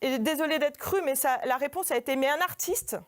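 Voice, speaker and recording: Before a live audience, a woman artist delivers a humorous autobiographical monologue as a performance lecture, in an informal, hesitant, self-deprecating manner. Her voice sits high and runs a little fast.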